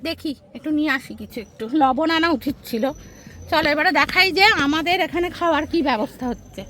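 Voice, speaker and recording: A woman's voice: sits high, lively intonation, quick pace, fairly bright tone, slight background noise. A middle-aged woman from West Bengal, talking chattily to her viewers in a casual home vlog. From West Bengal, India. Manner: chatty, addresses viewers directly. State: out of breath. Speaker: vlogger.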